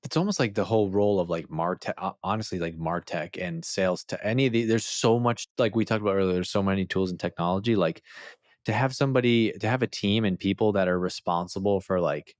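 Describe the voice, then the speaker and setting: Deep-voiced male podcast host, dry sound. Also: fast, dry recording. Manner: casual, rambling, many "like" fillers. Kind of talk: business podcast interview.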